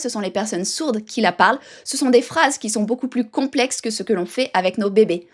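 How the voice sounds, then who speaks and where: A woman teaching baby sign language in an upbeat, emphatic tutorial, speaking straight to the viewer. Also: on the high side. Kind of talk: direct-to-camera tutorial.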